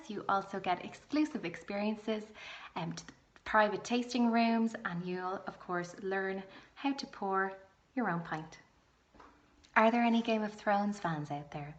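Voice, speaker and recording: A woman's voice: on the low side, muffled recording. A woman with an Irish accent giving a promotional travel presentation as a host. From Ireland.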